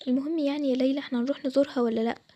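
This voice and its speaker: A woman with an Egyptian Arabic accent talks fast and high as she voices several schoolgirls. It is a chatty role-play drama voice-over, and she switches between the girls' voices. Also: steady tone, warm tone.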